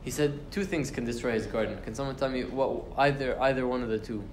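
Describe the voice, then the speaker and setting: In a university lecture room, a young Quran teacher talks quickly in a mid-range voice during a relaxed tafsir session. His delivery is loose, full of fillers and restarts, broken up by recited Arabic verses. The room echoes, and there's a faint hiss or hum.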